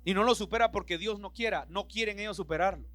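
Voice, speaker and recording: Bright-voiced, high-pitched preaching man. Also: fast talker, faint music behind. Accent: Central American Spanish. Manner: impassioned, acts out Bible dialogue in voices. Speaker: pastor. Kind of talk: sermon. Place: church.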